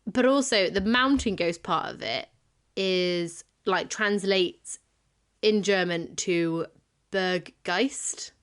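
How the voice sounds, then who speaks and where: A woman's voice: lowish voice, slow, smooth. A young woman from Bristol with a Bristolian accent, co-hosting a podcast and presenting folklore research in a chatty, self-deprecating way. She sounds very tired. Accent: Bristolian English. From Bristol, England. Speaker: podcast co-host.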